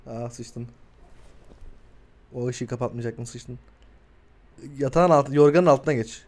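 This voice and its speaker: A man's voice: mid-range voice, unhurried, darkish tone. A man streaming live and reacting to horror shorts, talking back to the screen, cursing and yelping when startled.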